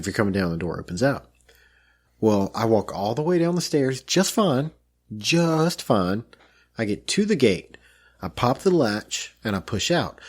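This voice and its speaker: Husky mock-dramatic man telling a story. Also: on the low side. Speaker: podcast co-host. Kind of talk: casual storytelling chat.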